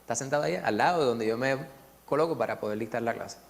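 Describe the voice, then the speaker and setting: A man with a Puerto Rican accent leading a church Bible study, telling personal stories in a chatty way and filling pauses with tag questions. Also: mid-range voice, vocal fry, in a large hall.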